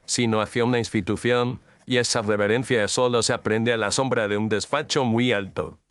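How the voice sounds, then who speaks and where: This lightly acted radio drama performance features a man with a smooth, mid-range voice, steady tone and moderate pace, recorded with no echo. He plays a cool, exacting, middle-aged detective speaking in precise, commanding pronouncements, his mood measured.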